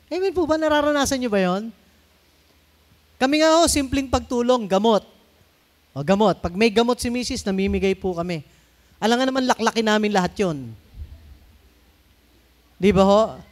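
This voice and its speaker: A man's voice: high-pitched, animated, normal speed, pauses often. A middle-aged Filipino man preaching a sermon in a conversational way, mixing in English phrases and asking the congregation to answer him. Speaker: pastor.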